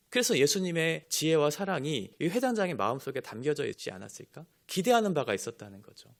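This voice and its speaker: A man's voice: on the high side, gravelly. A man preaching a sermon as a pastor, explaining scripture point by point and raising his voice when quoting Jesus' words. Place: church.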